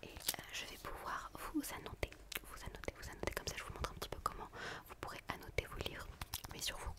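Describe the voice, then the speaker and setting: A woman doing a whispered role-play as a gentle, quirky book therapist, in a hushed library whisper, softly repeating phrases to soothe. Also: fast. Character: quirky, gentle female book physiotherapist attending a patient. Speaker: ASMR performer playing a book therapist.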